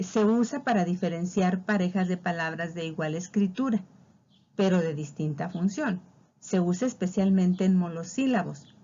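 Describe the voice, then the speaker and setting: A woman's voice: on the low side, warm tone, highs cut off. A woman teaching a spelling lesson, patiently walking through examples and drawing out key words. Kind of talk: spelling lesson explained over slides.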